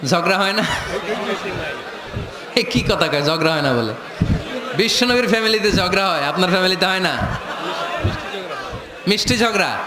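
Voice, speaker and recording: Preacher guy yelling and joking with the crowd, echoey pa sound. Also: high-pitched, normal speed, long pauses. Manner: animated, shouting, jokes and quizzes the crowd. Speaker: Islamic preacher. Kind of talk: sermon to a live gathering. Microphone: handheld or stand mic over a PA.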